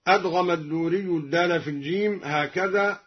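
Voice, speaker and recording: A man with a fairly high voice teaches a recitation reading, switching between plain spoken explanation and slow, melodic chanting of each verse. The sound is dull and lo-fi, like an old broadcast recording. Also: slightly rough. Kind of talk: explaining and demonstrating Quran recitation.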